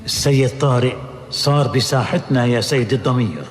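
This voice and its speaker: A formal prosecutor telling the story, old radio drama, long reverb. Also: male voice, mid-range voice, fairly quick, music in the background. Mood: earnest. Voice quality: formal, declamatory. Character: earnest male court prosecutor who tells the story. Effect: old radio drama broadcast. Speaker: prosecutor and narrator. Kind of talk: 1970s radio acting.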